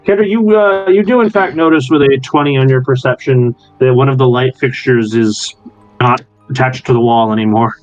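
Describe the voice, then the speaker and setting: A man's voice: medium pitch, normal speed, no room sound, lo-fi sound, faint music behind. A man running a tabletop game as game master, narrating and chatting casually.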